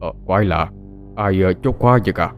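A man's voice: low voice, fairly quick, faint music behind, lightly acted. A man voicing a startled old grandfather who gives urgent orders and stumbles over hesitant fillers.

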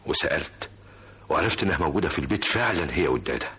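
A cool Egyptian accomplice in a vintage radio play. His voice is very deep and husky, with a bright, lively edge, and he speaks quickly. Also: heavily acted. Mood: matter-of-fact. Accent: Egyptian Arabic. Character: young man, calm accomplice. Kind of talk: vintage radio drama acting.

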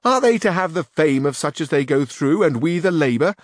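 A man's voice: a little high, lively intonation, a little fast, no echo, clean studio sound, natural voice. A man reading aloud and voicing a blunt, stubborn peasant squire who grumbles. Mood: grumbling. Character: complaining stubborn peasant squire, male, middle-aged. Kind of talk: audiobook reading.

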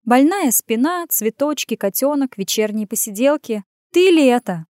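A woman's voice: high voice, animated, moderate pace, darkish tone, no echo, clean studio sound, pitched above the performer's own voice. A woman putting on a sly purring temptress. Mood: mocking. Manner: bossy and mocking. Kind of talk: audiobook character voice.

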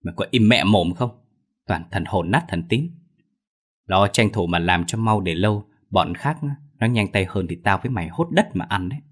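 A man voicing a crude, foul-mouthed male thief who yells, curses and scolds his friend in a raised voice. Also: low voice, animated, moderate pace. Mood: scolding. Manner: loud, cursing, scolding.

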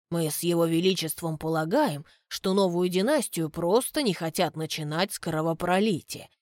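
Woman playing a measured, courteous butler, slow and polite, a dry close read. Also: lowish voice, darkish tone, dry recording, close to an everyday voice. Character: courteous, shrewd male butler, middle-aged.

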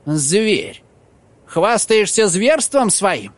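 Мужчина читает за грубого вспыльчивого молодого вора, резко и отрывисто. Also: male voice, high voice, big pitch swings, extremely slow, pitched above the performer's own voice, full character voice. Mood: rough. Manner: rough, abrupt. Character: rough hot-tempered young male thief.

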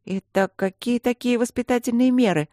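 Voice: mid-range voice, moderate pace, mellow, dry recording, clean studio sound, pitched above the performer's own voice, natural voice. A reader voicing a curious, stubborn young student princess. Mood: insistent. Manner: curious, insistent.

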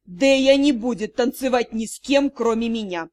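A weary young lord who answers quietly and with no heat, as a woman reader plays him. His tone stays flat and unbothered. It is an audiobook character. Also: on the high side, normal speed, dry recording, close to an everyday voice. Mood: calm.

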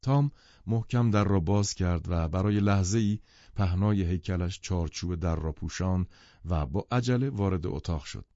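A man narrating an audiobook in a measured, even reading. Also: sits low, no room sound, highs cut off. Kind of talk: scripted literary narration.

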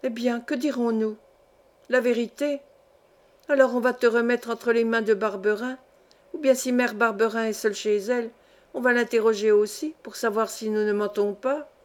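A woman's voice: fairly high pitch, fairly even intonation, normal speed, lightly acted. A woman reading the lines of a frightened, tearful young boy in a storybook, in a self-reproaching manner. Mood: tearful, despairing.

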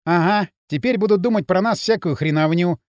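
A man's voice: sits high, a little fast, dry recording, studio quality, close to an everyday voice. A man playing a brave, hot-headed teenage boy, impatient and defiant.

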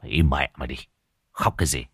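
A man's voice: a bass voice, brisk, husky, dry recording, studio quality, pitched below the performer's own voice, heavily acted. A man voicing a hard, harsh-spoken gang leader who barks short orders. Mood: gruff, commanding.

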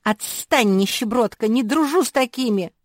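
Shrill haughty little puppy girl from a storybook, a woman doing the voice, raised high, dry close sound. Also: expressive, unhurried, no echo, close to an everyday voice. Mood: indignant. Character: spoiled snobbish little Labrador puppy girl.

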